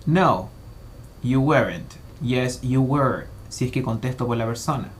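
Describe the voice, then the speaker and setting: Methodical male English teacher. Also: mid-range voice. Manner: methodical, slows to spell out English example phrases. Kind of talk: explanatory grammar lesson.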